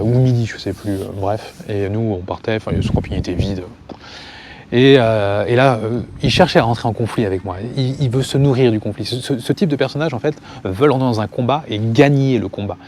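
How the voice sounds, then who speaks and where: A man telling a personal story to camera in a casual way, stopping calmly to give viewers advice. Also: lowish voice, brisk, slight background noise. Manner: calm, advice-giving aside to viewers. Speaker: family and parenting vlogger.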